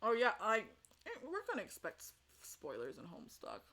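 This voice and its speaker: A woman's voice: fairly high pitch, wildly swooping pitch, a little fast, pushed and bright. A woman hosting a casual online fan panel game, rambling and laughing as she talks. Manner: rambling, laughing, self-correcting. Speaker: game host. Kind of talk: casual chat on a livestream panel.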